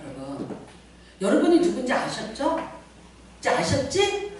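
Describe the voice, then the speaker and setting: A middle-aged woman pastor preaching a lively sermon, often asking the congregation questions. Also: fairly high pitch, a little slow, slight background noise. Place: church sanctuary. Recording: very echoey church hall, mic at a distance.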